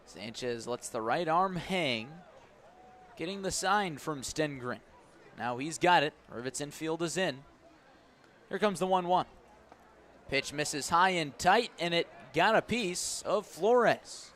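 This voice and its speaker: Expressive yet slow, this fairly high, fairly bright male voice belongs to a radio play-by-play announcer describing live baseball and getting louder when the action comes. The setting is an outdoor ballpark, with ambient outdoor noise in the background.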